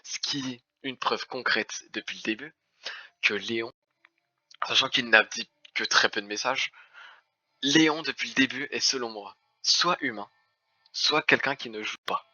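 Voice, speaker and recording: A man's voice: mid-range voice, unhurried, sharp tone, no echo. Man lecturing theatrically over dull voice chat. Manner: theatrical, formal "mon cher" lecturing, stumbling restarts. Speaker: werewolf game player. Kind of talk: heated game accusation speech.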